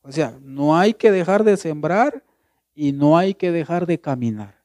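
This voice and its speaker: A man's voice: fairly high pitch, lively intonation, measured pace, dark tone, no room sound, studio quality. A man preaching a sermon as pastor. He asks questions and answers them himself, and he repeats words and phrases for emphasis.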